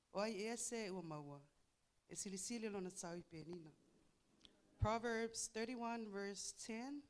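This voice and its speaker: A woman from Samoa with a Samoan accent gives a heartfelt, halting church testimony for Mother's Day, moving between languages. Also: mid-range voice. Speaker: church member giving a testimony.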